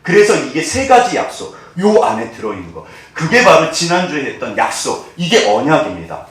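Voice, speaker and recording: A male pastor delivers a sermon with a lively voice that swings high and low, asking his listeners question after question and acting out the lines he quotes. He is picked up from a distance, and his voice rings through a very echoey church hall. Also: moderate pace. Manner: animated, asks the congregation questions, acts out quoted lines. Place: church sanctuary.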